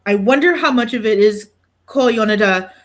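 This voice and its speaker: A woman's voice: fairly high pitch, normal speed. Sweary, self-deprecating woman podcaster chatting. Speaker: podcast host. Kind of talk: casual chat.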